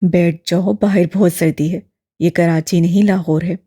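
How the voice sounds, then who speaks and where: A woman voicing a kindly elderly male imam who speaks in a steady, balanced, fatherly tone, deeper and fuller than her own voice. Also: moderate pace, no echo, clean studio sound, close to an everyday voice. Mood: gentle. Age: older.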